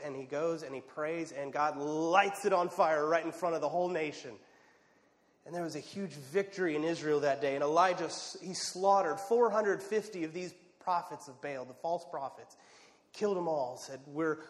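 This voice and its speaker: A man preaching a sermon, telling a story with drama and dropping to a hush at quiet moments. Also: on the high side. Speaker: pastor. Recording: long reverb of a large hall.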